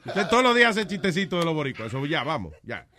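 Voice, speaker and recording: A man's voice: on the high side, very animated, quick pace, crowd noise. A man hosting a comedic call-in radio show, bantering playfully, laughing and slipping English phrases into his talk.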